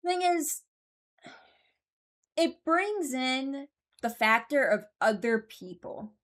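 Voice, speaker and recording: Ranking game voice lines, a woman host muses aloud in a casual, hesitant way, frequently weighing options and correcting herself. She has a high, fairly bright voice that is animated but slow-paced.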